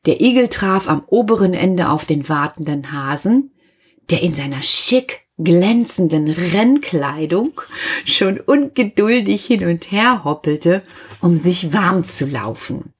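A woman reading a children's story aloud, gentle and animated, speaking directly to young listeners. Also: fairly low pitch, slow pace, breathy edge.

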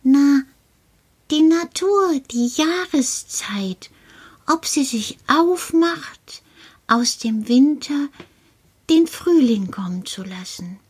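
A woman performs a friendly little male creature from an underground burrow, in a children's puppet-style dialogue. The voice sits high and moves slowly, patient and coaxing, often sinking into a hushed whisper. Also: lively intonation. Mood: cheerful, explaining. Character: cheerful little male cave-dwelling earth creature.

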